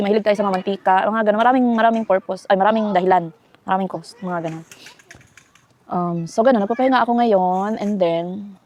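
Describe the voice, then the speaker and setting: Fast-talking Filipina vlogger. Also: female voice, medium pitch, darkish tone. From Philippines. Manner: chatty, rambling, frequent fillers and self-corrections. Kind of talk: casual life-update vlog. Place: home.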